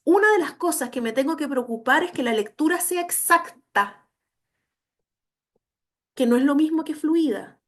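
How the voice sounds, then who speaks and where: A woman's voice: sits high, lively intonation, normal speed, long pauses, fairly bright tone. A woman giving an instructional lecture on educational assessment, emphatic and often checking that listeners follow. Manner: emphatic, checks understanding with frequent tag questions. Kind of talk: online training lecture.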